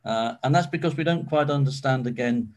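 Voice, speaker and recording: A man's voice: medium pitch, a little fast, a little mellow. A man leading a Bible study, explaining in a conversational way with frequent ums and restarts. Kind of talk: informal teaching talk.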